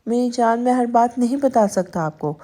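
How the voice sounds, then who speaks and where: A woman's voice: fairly high pitch, animated, warm tone. A woman voicing a possessive, stern young husband who turns coaxing, in a spoken storybook. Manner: firm, turning tender then sulky.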